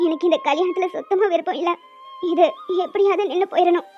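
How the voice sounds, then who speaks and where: A woman's voice: very high-pitched, quick pace. A woman voicing a frightened but defiant young woman in a cartoon, scolding and pleading. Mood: timid. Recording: dull lo-fi with music behind.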